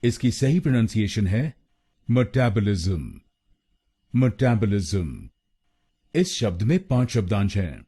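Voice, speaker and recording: Man, pronunciation teacher, slow deliberate syllable drilling, dark husky voice, lively pitch. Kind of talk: scripted pronunciation lesson.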